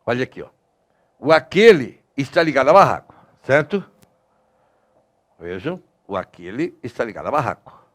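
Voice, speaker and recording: A man's voice: mid-range voice, normal speed, long pauses. A man with a Brazilian Portuguese accent teaching grammar in a recorded lesson, emphatic and constantly checking in with his students. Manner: lively, emphatic, addresses students with many tag questions.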